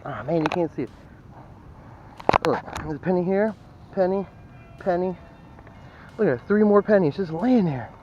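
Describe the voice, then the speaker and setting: A man's voice: high voice, animated, moderate pace, pauses often, muffled recording, noisy background. A man vlogging as he metal detects on a sand beach at dawn, chatting to viewers and often exclaiming. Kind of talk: casual narration to camera while detecting.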